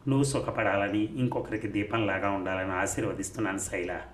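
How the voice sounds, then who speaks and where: Calm wise young woman, read by a man. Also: lowish voice, brisk, natural voice. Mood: blessing. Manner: gentle, philosophical. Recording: roomy recording, faint noise.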